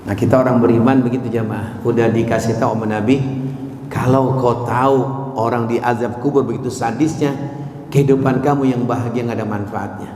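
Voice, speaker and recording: A man's voice: medium pitch, fairly even intonation, a little fast, a little mellow, slight background noise. A man preaching a sermon in a mosque, telling stories animatedly and slipping into quoted voices. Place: mosque hall. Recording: echoey hall, faint ambience.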